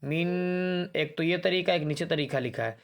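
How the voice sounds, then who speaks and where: A man teaching Quran reading from a primer chart, explaining each example and saying words slowly to demonstrate. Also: fairly high pitch, lively intonation, a bit bright. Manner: explanatory, repeats words slowly to demonstrate, asks and answers himself.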